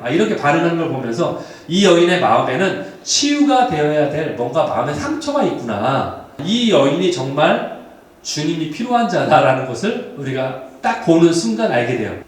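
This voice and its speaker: A male pastor preaching a sermon, telling the story in a lively way and often asking the congregation questions. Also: a little high, normal speed. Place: church sanctuary. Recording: very echoey hall, voice from far off.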